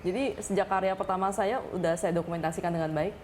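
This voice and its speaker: A woman's voice: lowish voice, fairly even intonation. A young woman from Indonesia, a paper-cutting artist, explaining her work in a TV interview. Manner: fast, earnest, explaining with many fillers. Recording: noisy TV studio.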